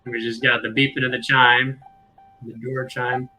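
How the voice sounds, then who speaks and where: A man's voice: mid-range voice, flat delivery, moderate pace, bright, forceful tone, faint music behind. A man giving casual, think-aloud live commentary as a host going through video clips. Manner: thinking aloud, informal narration. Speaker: video host reviewing footage.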